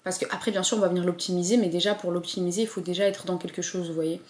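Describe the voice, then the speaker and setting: A woman's voice: on the low side, steady tone, very fast, echoey room. A woman vlogger talking casually to camera, chatty and encouraging, with frequent fillers. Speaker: lifestyle vlogger. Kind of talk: casual motivational chat to camera.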